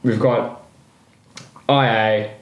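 A man's voice: lowish voice, steady tone, very slow, dull audio. A man co-hosting a podcast in casual chat, rambling and laughing often as he corrects himself. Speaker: podcast co-host. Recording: roomy echo.

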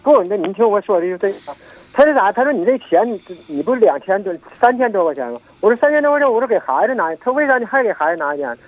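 An older man calls in over a dull, muffled phone line, his high voice jumping up and down in pitch. He talks quickly and haltingly, starting over and repeating himself. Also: sing-song. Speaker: caller. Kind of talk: phone-in call.

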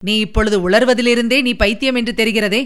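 A bold young warrior in a storybook tale answers his accuser with calm confidence, as a woman reader voices him. The voice sits fairly high, smooth and clear. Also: fairly quick, lightly acted.

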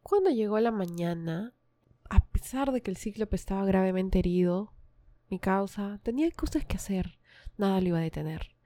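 A woman's voice: medium pitch, mellow, no echo. A woman retelling a myth in a casual, chatty way, with asides to her listeners. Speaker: storyteller.

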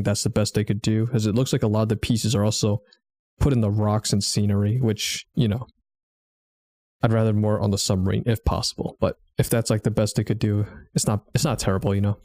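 A man's voice: lowish voice, level tone, fairly quick, darkish tone, no echo. A man hosting a podcast, chatting casually and leading the discussion in a laid-back way. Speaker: podcast host.

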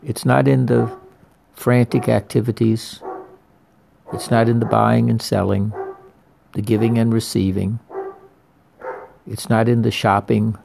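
A man delivers a sermon at an unhurried pace, letting each phrase land. His mid-pitched voice carries a strong gravelly fry, and he comes back to the same words again and again for emphasis. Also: flat delivery, noisy background. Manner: slow, deliberate preaching with repeated phrases. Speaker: priest.

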